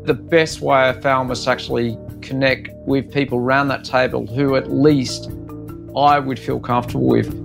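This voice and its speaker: A man's voice: mid-range voice, fairly even intonation, normal speed, vocal fry. A man speaking reflectively as a guest about his personal experience. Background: music.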